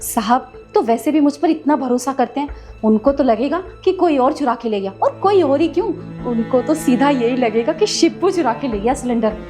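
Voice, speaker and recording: Woman acting as a maid, very high voice, sharp-tongued, defensive, web-skit drama, music underneath. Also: animated, normal speed. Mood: scheming. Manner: snappy and quarrelsome, then pleading. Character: female house maid, poor, defensive.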